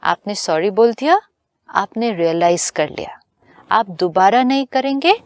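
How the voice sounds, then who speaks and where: A woman giving a calm spiritual talk in a measured teaching manner, with English phrases mixed in. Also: medium pitch, no room sound.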